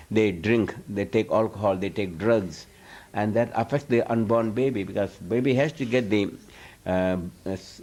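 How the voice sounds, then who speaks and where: A fairly low, slightly mellow male voice comes from a spiritual teacher answering questions at a casual lecture before a live audience. He tends to ramble, frequently restarts his sentences, and chuckles as he goes.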